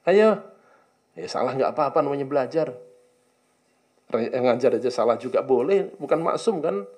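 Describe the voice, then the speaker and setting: This Islamic teacher has a mellow, medium-pitched voice and keeps a moderate pace. He leads a class through an Arabic religious text, translating each line and prodding his students to respond to his questions.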